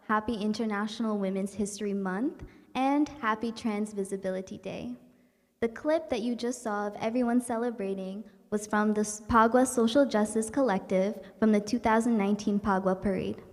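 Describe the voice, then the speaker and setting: A woman's voice: medium pitch, steady tone, moderate pace, long reverb tail. A young woman from New York hosting a virtual community event, speaking in an earnest, upbeat and welcoming way. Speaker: event host. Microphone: livestream setup.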